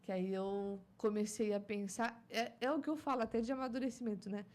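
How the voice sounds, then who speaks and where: A woman's voice: mid-range voice, steady tone, a little fast, a little mellow. A woman in her thirties from Brazil chatting casually about motherhood, laughing often and musing on faith. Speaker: guest mother. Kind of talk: casual chat.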